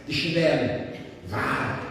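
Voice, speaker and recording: A man's voice: medium pitch, slow, a bit bright. A male preacher delivering an emphatic sermon, repeating phrases and calling his listeners brothers. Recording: echoey hall, distant mic.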